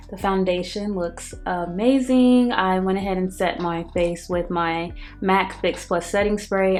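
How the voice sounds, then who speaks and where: Lower-voiced woman vlogger wearing a retainer. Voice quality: speech slightly affected by wearing a retainer. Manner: chatty, addresses viewers directly. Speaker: beauty vlogger. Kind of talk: casual makeup review and tutorial. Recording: soft music behind the voice. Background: background music.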